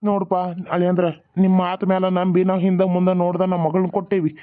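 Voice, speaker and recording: A man voicing the village men, a son-in-law and a father, in a homemade cartoon, speaking rapid, earnest North Karnataka Kannada. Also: high-pitched, monotone, natural voice. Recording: tinny phone-like recording.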